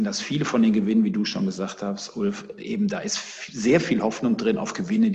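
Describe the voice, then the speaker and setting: A man's voice: fairly low pitch, vocal fry, a little mellow, big-room sound, highs cut off. A man co-hosting a podcast with conversational market commentary, explaining with emphatic wording. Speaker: finance podcast co-host.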